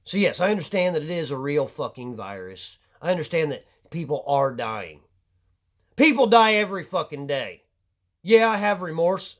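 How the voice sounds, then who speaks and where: A man's voice: fairly high pitch, very animated, normal speed. Angry, foul-mouthed ranting man. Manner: angry, crude and swearing heavily. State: short of breath at times. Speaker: vlogger. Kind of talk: profane ranting monologue.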